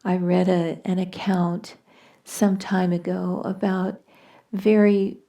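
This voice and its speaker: A woman giving a gentle, measured spiritual talk, telling a story, often dropping to a soft near-whisper. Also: fairly low pitch, little pitch movement. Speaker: spiritual teacher.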